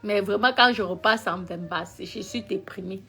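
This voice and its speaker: A woman talking on a live stream, emphatic and repetitive, swinging between loud scolding and low mutters. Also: moderate pace, gravelly, breathy edge. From Cameroon. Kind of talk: casual live-stream rant to followers.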